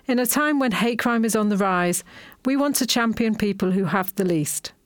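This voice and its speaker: A woman hosting a podcast, reading a scripted introduction in a measured, earnest way. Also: mid-range voice, lively intonation, no room sound. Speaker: podcast host.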